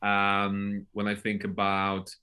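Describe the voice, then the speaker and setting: Slow and completely flat, yet pushed and bright, a lowish male voice carries a Polish accent. The speaker, a man in his thirties from Poland, is a podcast guest telling blunt, sweary stories in a casual interview, peppering them with "right?"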